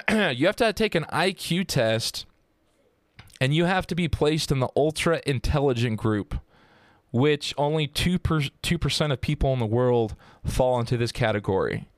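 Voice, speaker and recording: A man's voice: medium pitch, expressive, measured pace, dry recording, studio quality. A man hosting a casual true-crime podcast, telling the story in a joking, profane and rambling way. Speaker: podcast host.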